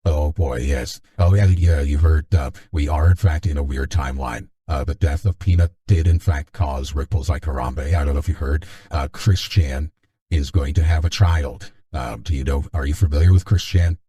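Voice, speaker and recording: A man hosting a casual stream through a voice changer that makes his voice deep, rambling and joking with many restarts. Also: moderate pace, warm tone. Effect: deepened voice changer. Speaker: stream host.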